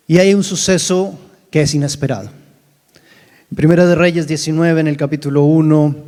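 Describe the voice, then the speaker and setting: A man preaching a sermon as pastor, telling a Bible story with animated delivery and rhetorical questions to the congregation. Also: on the high side, big-room sound. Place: church service in a rented hall.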